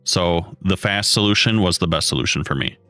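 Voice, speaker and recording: A man in his thirties chatting casually with his live chat while building, relaxed and rambling. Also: sits low, fairly quick. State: has the hiccups. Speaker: streamer. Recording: dry close mic, faint music behind.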